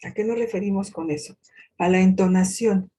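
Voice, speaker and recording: A woman giving a university lecture in a deliberate way, posing rhetorical questions to herself and pausing often with hesitations. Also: mid-range voice, mellow, slightly rough. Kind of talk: recorded lecture on reading comprehension.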